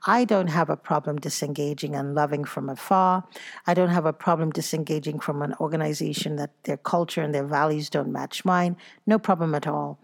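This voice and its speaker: A woman hosting her own podcast, talking earnestly and reflectively and breaking into lively, self-mocking stories. She is tired after a workout. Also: sits low, vocal fry. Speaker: podcast host. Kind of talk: casual solo podcast monologue.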